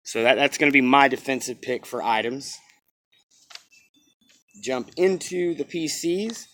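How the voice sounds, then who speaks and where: A man's voice: mid-range voice, animated, measured pace, a bit bright. Man giving casual, opinionated game commentary. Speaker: game reviewer commenting on new cards. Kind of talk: casual off-the-cuff review commentary.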